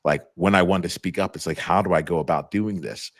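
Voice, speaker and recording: In this casual live conversation, the middle-aged host speaks a little quickly in an extremely deep voice, heard dry and close with no echo or room sound. His talk is loose and rambling, with frequent fillers and restarts as he hunts for words.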